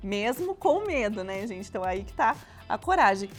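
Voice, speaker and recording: A woman co-hosting a casual chat, animated, laughing often and talking straight to the listeners. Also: mid-range voice, normal speed, soft background music. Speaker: co-host.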